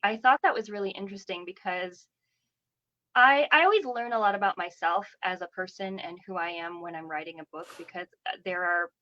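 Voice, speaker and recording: A woman's voice: fairly low pitch, fairly quick, pushed and bright, dull audio. A woman author chatting casually about her writing, rambling with lots of fillers. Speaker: author guest. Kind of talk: casual chat.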